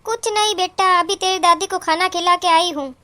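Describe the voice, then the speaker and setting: A woman's voice: very high voice, fairly even intonation, moderate pace, bright, forceful tone. A woman voicing a middle-aged cartoon mother who dotes on her daughter and scolds her daughter's in-laws indignantly. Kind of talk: cartoon voice acting.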